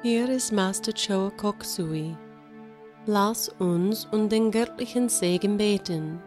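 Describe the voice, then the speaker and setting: A woman guides a meditation in German with an American accent. Her delivery is slow, solemn and measured, set in short phrases over prominent music. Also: medium pitch, darkish tone. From United States. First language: English. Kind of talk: guided meditation, consecutive translation.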